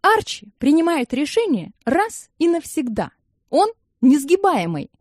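An indignant middle-aged mother snaps back in short, clipped remarks. Her voice sits raised and lively, as a woman narrator puts her on, in a dry storybook reading. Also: high-pitched, a little slow, no room sound, voice pushed up.

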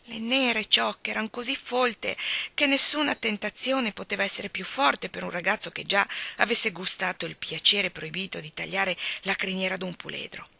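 A woman narrates a classic novel in a measured, expressive way. Her voice is bright and clear, recorded close and dry. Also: mid-range voice, no echo. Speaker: audiobook reader. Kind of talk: literary reading.

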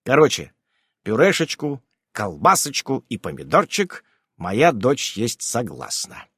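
A man's voice: medium pitch, wildly swooping pitch, unhurried, bright, forceful tone, husky, no room sound, studio quality. A man narrating a humorous story in a wry, conversational manner.

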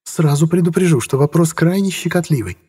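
A man voicing a cool, sharp-tongued businesswoman who speaks coldly and sarcastically. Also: on the high side, brisk, breathy edge, voice pushed up. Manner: cold, sarcastic.

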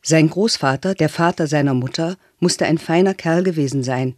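A man's voice: on the high side, moderate pace, dry recording. Man reading a novel aloud, dry sound. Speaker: audiobook reader. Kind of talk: scripted narration of a novel.

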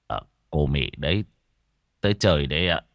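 A man's voice: a bass voice, big pitch swings, moderate pace, vocal fry, no echo, studio quality, pitched below the performer's own voice, exaggerated voice. A man voicing an anxious, weary old village scholar who talks in a gloomy, sighing way, in a told ghost story.

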